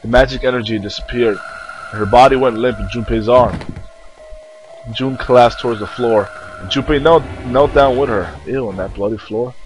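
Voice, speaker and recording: A man's voice: medium pitch, normal speed, faint music behind, low-quality recording. A young man playing through a video game, reading its text aloud with crude joking asides. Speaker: let's player.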